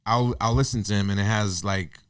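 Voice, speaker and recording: A man in his thirties with a somewhat low voice, talking earnestly as a podcast guest. He muses aloud and circles back on his sentences. The sound is dry and close, with no room in it. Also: steady tone, brisk, smooth, no room sound. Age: 30s. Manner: earnest, reflective, talks in loose restarts. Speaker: podcast guest, artist and business owner. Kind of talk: casual interview chat.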